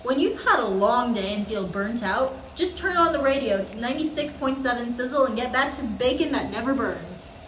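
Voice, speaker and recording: A woman's voice: on the high side, expressive, a little fast, a bit bright, echoey room, slight background noise, rough recording. A woman playing a salesy commercial announcer, reading a scripted parody radio advert. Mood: salesy, upbeat.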